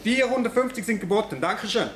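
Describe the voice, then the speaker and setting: A formal male auctioneer in a radio drama, calling lots and bids in a high voice. The room rings around him, with slight noise underneath. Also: fairly quick, fairly bright tone, reverberant. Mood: formal, brisk. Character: formal male auctioneer running an art sale.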